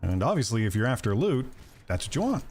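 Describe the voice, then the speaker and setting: Chatty man with a lively voice. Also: mid-range voice, quick pace. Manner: chatty, joking asides to viewers. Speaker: gaming streamer. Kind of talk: casual gameplay commentary.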